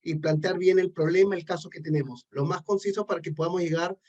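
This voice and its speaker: Male webinar moderator, fairly high voice, halting delivery, lo-fi sound. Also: steady tone, a little mellow. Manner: hesitant, many fillers. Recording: muffled lo-fi audio.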